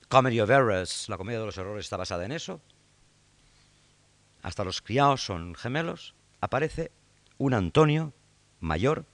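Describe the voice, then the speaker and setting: A man giving a public lecture on literature, lively, acting out quoted lines now and then. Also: mid-range voice, no echo. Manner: lively, acts out quoted lines in a loud raised voice.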